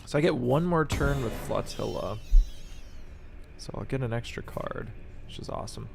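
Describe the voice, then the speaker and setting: Male streamer, gravelly, middle pitch, live gameplay commentary, prone to loud outbursts. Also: normal speed, music in the background. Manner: excitable, bursts into shouts and laughter. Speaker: streamer and channel host.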